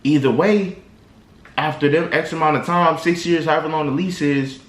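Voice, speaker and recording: A man with a slightly high voice talks at normal speed to camera. His motivational vlog advice is casual and slangy, loose and rambling with plenty of restarts, recorded in a room with echo.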